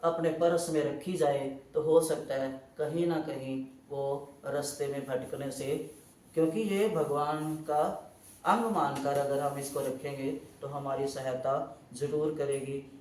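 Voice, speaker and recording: A man giving an animated devotional talk at a festival gathering, telling stories and acting out the voices in them. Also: a little high, slow, echoey room, far from the mic, slight background noise. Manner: animated storytelling with quoted voices. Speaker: devotional speaker.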